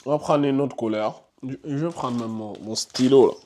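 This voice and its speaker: A man's voice: medium pitch, moderate pace, warm tone. A man teaching Quran recitation rules to a live class, quizzing his students and repeating the key terms. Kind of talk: live classroom tajwid lesson.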